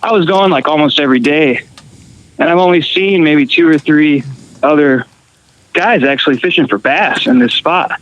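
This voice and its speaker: Casting: man from Costa Rica, slightly high voice, easygoing rambling storyteller on a podcast call. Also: normal speed, lo-fi sound. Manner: relaxed storytelling with fillers and restarts. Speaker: guest musician. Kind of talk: casual phone chat.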